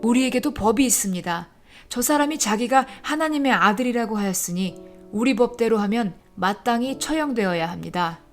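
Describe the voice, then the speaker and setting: A woman shouting as an angry mob. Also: animated, moderate pace, faint music behind. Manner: high, shouted, insistent delivery. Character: angry shouting crowd of male accusers. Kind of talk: dramatized scripture reading.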